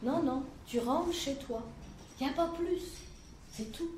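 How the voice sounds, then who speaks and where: A woman's voice: high voice, takes it slowly, darkish tone, slight background noise. A woman storyteller voicing a curt, dismissive army sergeant. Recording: roomy live room, mic at a distance.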